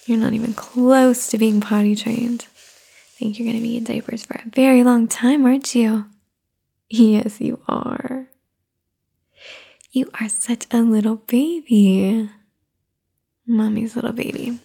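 A woman in an ASMR caretaker roleplay, speaking softly and soothingly, often in a whisper, close to the microphone. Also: a little high, level tone, unhurried, creaky, long pauses, breathy edge.

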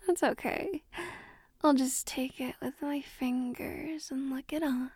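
A woman voicing a cheeky, insatiable woman in an intimate audio roleplay, talking with breathy, laughing asides. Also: high voice, fairly even intonation, slow, a little mellow, no room sound, heavily acted. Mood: playful.

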